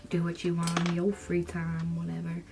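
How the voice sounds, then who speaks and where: A woman's voice: on the low side, completely flat delivery, moderate pace, gravelly, background noise. A young woman chatting casually as she does her makeup for a vlog, drifting into whispers now and then. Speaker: beauty vlogger.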